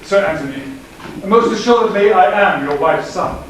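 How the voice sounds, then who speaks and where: A man's voice: high-pitched, lively intonation, normal speed, a bit bright. A man playing a flustered, witty young army captain in a stage play, with hesitant speech. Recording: echoey hall, far from mic, noisy.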